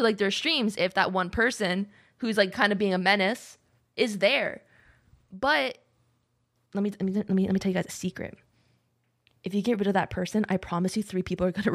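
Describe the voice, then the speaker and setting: Woman streamer just chatting, says "like" constantly, medium voice. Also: medium pitch. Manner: chatty, heavy use of "like", laughs often. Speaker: streamer co-host. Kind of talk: casual chat.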